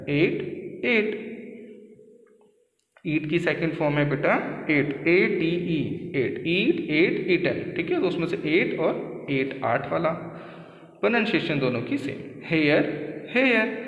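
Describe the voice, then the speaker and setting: Slow, patient Indian male teacher. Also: fairly high pitch, reverberant, big-room sound, highs cut off. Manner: slow, patient explaining, calls students beta. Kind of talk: Hindi-English school lesson.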